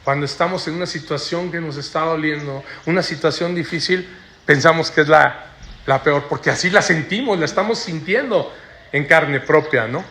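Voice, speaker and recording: A man's voice: fairly high pitch, moderate pace, bright, forceful tone. A man preaching a sermon to a congregation in church, often ending his phrases with a questioning "¿no?". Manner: tags sentences with rhetorical "¿no?".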